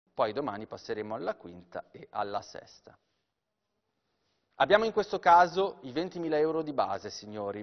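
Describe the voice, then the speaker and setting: Male auctioneer in a very reverberant hall. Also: medium pitch. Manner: descriptive sales patter with repeated phrases. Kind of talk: live televised auction sales commentary. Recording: dull, very reverberant hall sound.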